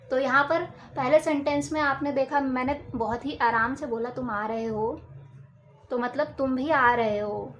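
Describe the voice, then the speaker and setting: A woman with a fairly high voice teaches a lecture for exam preparation. She explains step by step with examples and repeats key terms. Faint noise sits behind her voice. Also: a bit bright, rough recording.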